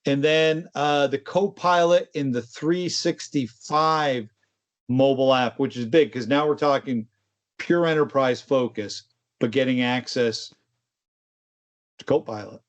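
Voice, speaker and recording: Co-hosting a tech discussion show, a man with a medium-pitched voice talks at a measured pace. His explanations are casual and conversational, with informal asides.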